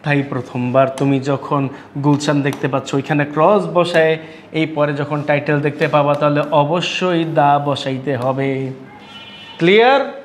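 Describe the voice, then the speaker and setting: A man teaches English grammar in a high voice. He talks casually, teasing and scolding his students as he explains. The sound bounces around a roomy, echoing space. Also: measured pace, slight background noise. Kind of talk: classroom grammar lesson.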